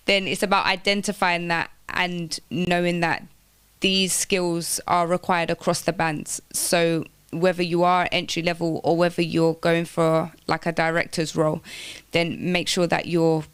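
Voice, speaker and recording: This woman's voice sits lowish, a little bright, clear and resonant, captured in a dry recording. Hosting a radio slot of casual careers guidance, she explains job applications one step at a time and repeats key phrases for emphasis.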